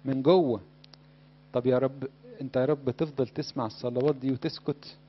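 Fast-talking Egyptian preacher, lo-fi sound. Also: male voice, medium pitch, steady tone, slight background noise. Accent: Egyptian Arabic. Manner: conversational, asks the audience questions. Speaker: Coptic preacher. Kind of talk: sermon. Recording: dull lo-fi recording.

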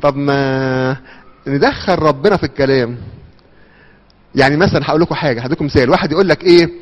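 A man with an Egyptian accent giving a lively church talk, asking questions and answering them himself. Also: fairly high pitch, fast. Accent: Egyptian Arabic. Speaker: church speaker. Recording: muffled sound with long hall reverb.

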